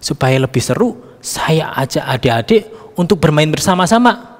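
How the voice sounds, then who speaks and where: A man's voice: a little high, expressive, moderate pace, big-room sound. A man leading a children's Sunday school Bible lesson, coaxing and addressing the kids directly.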